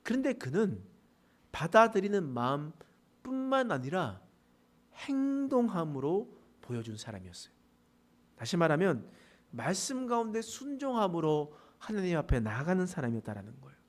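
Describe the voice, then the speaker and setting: A male pastor delivering a Sunday sermon in a church sanctuary. His voice sits high and swings widely in pitch as he preaches. He keeps turning to the congregation with rhetorical questions. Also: very animated, normal speed.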